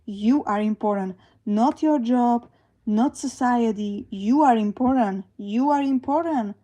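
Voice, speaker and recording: Woman streamer, 20s, from Slovakia; slow, hesitant, mellow, higher-pitched casual chat. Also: rough recording. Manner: slow, hesitant, many fillers and restarts. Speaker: livestream host. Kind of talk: casual livestream chat reading comments.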